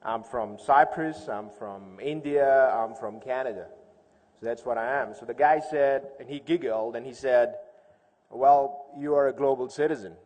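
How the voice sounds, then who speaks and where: A conference speaker with a medium-pitched, darkish voice addresses an audience in a large hall at a measured pace. His informal talk is conversational, full of stories and rhetorical questions, and the echoey room adds long reverb.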